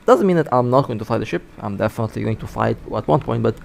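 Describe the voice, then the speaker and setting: Guy with hiccups talking thru his space game run, gravelly voice, keeps restarting words. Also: medium pitch, lively intonation, racing, slight background noise. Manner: casual, chatty, self-correcting. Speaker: mobile space game player. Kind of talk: live gameplay commentary.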